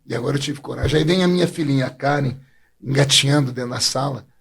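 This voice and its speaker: Heartfelt and emotional, a Brazilian preacher recounts how he came to faith, his voice sometimes catching. His gravelly, husky voice sits mid-range, fairly bright and steady, and he talks fast.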